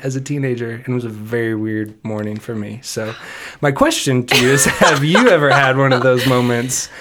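A man's voice: medium pitch, normal speed, noisy background. A man in his thirties co-hosting a faith podcast, telling self-deprecating stories in a casual, joking chat. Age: 30s. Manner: self-deprecating, jokey storyteller. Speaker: podcast co-host.

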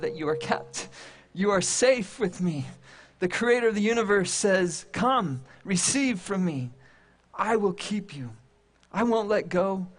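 A man preaching a sermon to a congregation, with emphatic, repetitive phrasing and dramatic pauses. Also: high voice. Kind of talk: sermon to a congregation and online audience.

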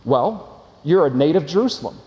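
A pastor delivers a sermon to his congregation from the front of a church, his voice carrying with a long hall reverb. Slightly high for a man yet warm and mellow, he speaks at normal speed in an earnest, steady, explanatory way, posing rhetorical questions to the room.

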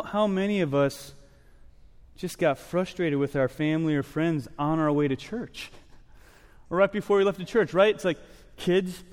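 A man in his thirties delivers a church sermon with a slightly high voice. He talks earnestly and drives his points home with "right?" asides. His voice trails off into the long reverb of a large sanctuary. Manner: earnest, builds to raised animated passages, many "right?" asides. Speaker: pastor.

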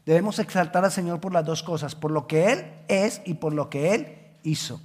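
Male pastor, sermon, high voice, emphatic with loud-soft swings and repetition. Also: normal speed. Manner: emphatic preaching with big swings in loudness; repeats words for emphasis.

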